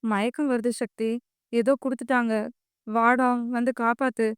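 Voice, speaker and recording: A woman's voice: a little high, level tone, normal speed, clean tone, dry recording, clean studio sound, natural voice. A woman voicing a frightened young woman who pleads breathlessly for help, in an audio story. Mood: panicked.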